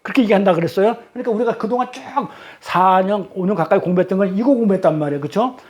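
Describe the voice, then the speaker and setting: High-voiced man teaching Bible study. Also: rapid-fire, darkish tone. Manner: quizzes listeners with constant rhetorical questions; emphatic, repetitive teaching cadence.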